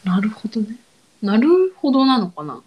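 Woman, podcast co-host, casual chat, high lively voice, lots of short agreeing replies. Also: moderate pace, muffled recording. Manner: attentive listener, frequent short backchannel replies.

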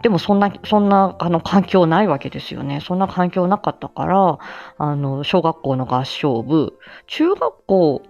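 An amateur voice drama actor hosting a livestream talks casually and reflectively in a fairly low, darkish voice at a moderate pace. She is self-effacing and hesitant and often drifts off mid-phrase. The recording is muffled, with soft background music.

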